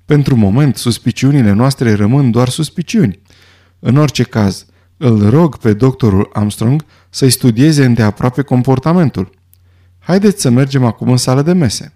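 A man voicing a calm, measured old judge who speaks in a level, deliberate way. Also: mid-range voice, natural voice.

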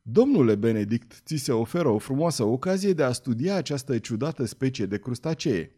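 A man's voice: medium pitch, sing-song, warm tone. A man doing a hearty, lecturing sea captain. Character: hearty old whaling ship captain, talkative.

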